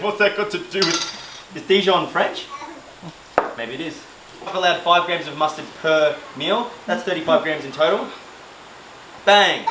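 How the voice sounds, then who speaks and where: A man cooking and chatting casually for a vlog, joking at himself and rambling with fillers. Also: on the high side. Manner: chatty, jokey, self-mocking, loose with fillers. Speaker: fitness vlogger doing meal prep. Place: home kitchen, indoors. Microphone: camera mic, filmed by a helper. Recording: roomy kitchen with faint cooking noise.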